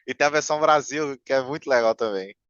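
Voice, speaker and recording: A man's voice: mid-range voice, quick pace, fairly bright tone, clean tone, dry recording. A man telling a long story in casual podcast chat, rambling with many fillers and restarts. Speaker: podcast guest. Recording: muffled, lo-fi mic sound.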